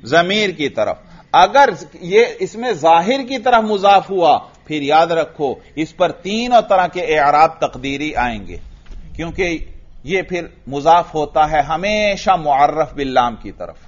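A man with a Pakistani Urdu accent delivers a grammar lecture in a fairly high voice. He drills his class with questions he answers himself and recites Arabic examples slowly. The recording is dull and lo-fi. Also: animated.

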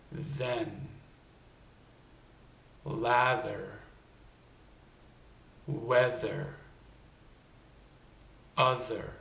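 A man giving a video blog lesson on pronunciation, modeling example words slowly and clearly. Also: medium pitch, a bit bright, roomy sound. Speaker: accent reduction coach.

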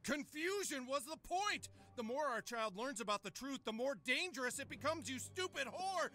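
A man playing a paranoid, quarrelsome father in an animated comedy game. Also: very high voice, normal speed, heavily acted. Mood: angry, accusing.

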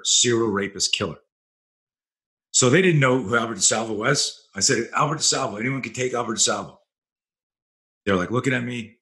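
This man's mid-range voice sounds pushed and bright. Speaking as a self-defense instructor in a podcast interview, he tells stories that are blunt, vivid and full of profanity.

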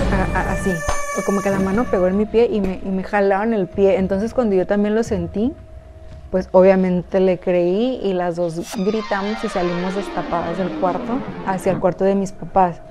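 A woman's voice: mid-range voice, fairly even intonation, normal speed. A young woman with a Mexican accent, chatting to her viewers as she tells a personal story, with many fillers. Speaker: YouTuber telling a personal story. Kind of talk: casual storytime narration. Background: background music.

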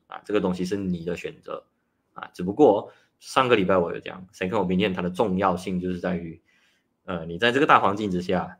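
A nutritionist with a low voice hosts a casual livestream talk. He explains things in a chatty manner and begins many phrases with a drawn-out "ah."

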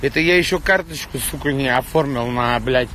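A man in his thirties ranting casually on a livestream as he walks, swearing constantly like a rough street thug. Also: mid-range voice, brisk, sharp tone. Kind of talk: casual livestream chat while walking. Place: outdoors on a city street. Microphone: phone at arm's length. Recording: noisy outdoor street, traffic.

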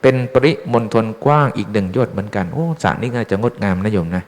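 A man's voice: on the low side, lively intonation, fast, darkish tone. A Buddhist monk giving an informal, chatty dharma talk, teasing his listeners with questions. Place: temple hall. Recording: long hall reverb.

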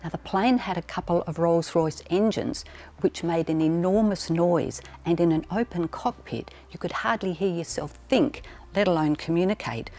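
A woman who is a librarian and exhibition curator presents to camera in a prepared style, standing among the shelving of a large indoor archive storage room. Her voice is lowish and dark in tone, at a normal speed.

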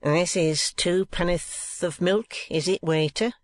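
Man doing a storybook schoolmaster, greedy, preachy, slow oily drawl, raised pitch. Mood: sanctimonious. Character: greedy, sanctimonious male schoolmaster, middle-aged.

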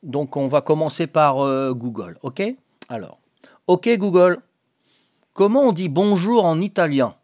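Speaking at a measured pace in a fairly high, slightly mellow voice, this older Corsican-accented man chats on a home video. He's a vlogger learning a language, hesitant and joking, with many fillers and restarts. The studio sound is clean, with no room sound.

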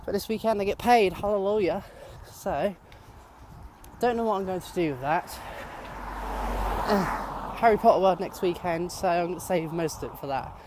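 A man's voice: high-pitched, normal speed, noisy background. A young man chatting casually and rambling upbeat while walking outdoors, talking into a handheld camera. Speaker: vlogger. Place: outdoors walking by fields on a sunny day.

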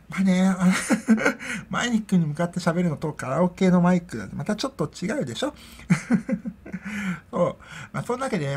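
A woman's voice: sits low, husky. A middle-aged woman hosting a casual solo podcast chat, rambling and chatty and laughing often, into her own microphone. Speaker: podcast host.

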